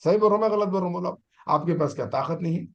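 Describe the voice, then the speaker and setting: A man's voice: high voice, very fast, creaky, dull audio. A middle-aged man, a teacher trainer giving an online exam-prep lecture and urging his students on with rhetorical questions.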